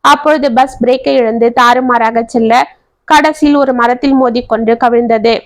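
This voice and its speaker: A woman storyteller narrating a family drama in a steady, dramatic reading. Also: a little high, moderate pace.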